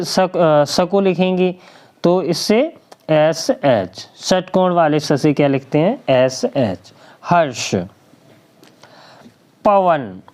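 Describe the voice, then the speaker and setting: Fairly low in pitch with a darkish tone, a woman works patiently through a spelling lesson. She spells out each letter in turn and responds to her own questions, keeping the drawn-out pace of a slow classroom lesson.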